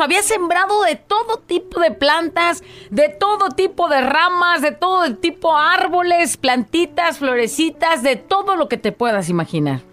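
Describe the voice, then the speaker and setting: Animated woman telling a fable. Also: sits high. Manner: animated, repeats words for emphasis. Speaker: host. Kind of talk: storytelling a fable.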